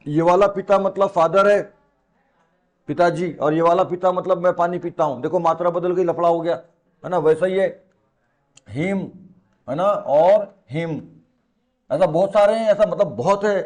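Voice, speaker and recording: This classroom lecture comes from a coaching teacher with a high, darkish voice, a steady tone and normal pace. Chatty and teasing, he hammers on key words and keeps tossing rhetorical questions at the students.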